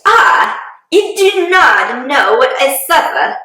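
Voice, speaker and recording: A woman playing a fussy, excitable, self-pitying middle-aged wife and mother in a hammy, theatrical dramatic reading. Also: sits high, slow pace, full character voice. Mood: indignant, aggrieved. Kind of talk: dramatic reading of a classic novel. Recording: very echoey room.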